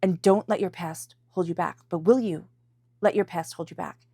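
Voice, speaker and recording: A tarot reader with a cold speaks in a fairly low, warm voice with vocal fry, at a moderate pace. Sounding congested, she gives an intuitive reading to viewers and repeats phrases for emphasis, in clean studio sound with no echo.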